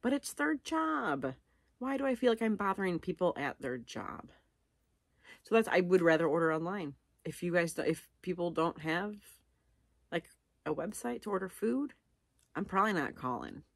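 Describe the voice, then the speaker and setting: Sitting on a couch in her living room, a middle-aged vlogger talks unscripted to camera in a gravelly, somewhat low voice that is animated and moderately paced. She rambles, thinks aloud and pokes fun at herself. The recording is dry, with clean studio sound.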